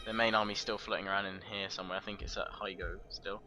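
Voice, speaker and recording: A low-voiced man talks his way through a strategy campaign in a loose, rambling way. He jokes at his own expense and trips over unfamiliar names, while the game's music plays clearly under him. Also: flat delivery, fast talker. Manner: rambling, self-mocking, stumbles over foreign names. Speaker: gamer narrating a strategy campaign. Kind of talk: casual let's play commentary. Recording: game music behind the voice.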